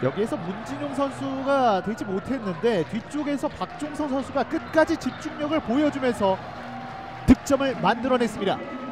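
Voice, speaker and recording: A man giving live play-by-play football commentary, excitable and shouting out chances. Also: very high-pitched, normal speed, few pauses.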